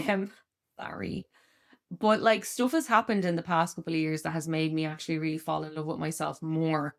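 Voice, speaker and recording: Podcast co-host, woman in her thirties, loud giddy delivery, slightly low voice, laughs a lot. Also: steady tone, normal speed. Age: 30s. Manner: candid, laughs often, acts out quoted voices. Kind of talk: casual chat.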